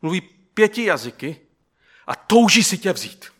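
A man's voice: high voice, sing-song, a bit bright, breathy edge, voice pushed up, full character voice. A man voicing an eager young male best friend who bursts into a wedding, breathless and pleading, as part of a sermon story.

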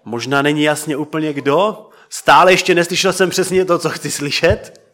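Guy preaching, slightly high voice, asks the congregation stuff, drops quiet at line ends. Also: steady tone. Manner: questions the congregation, trails off soft and quiet. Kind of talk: interactive sermon.

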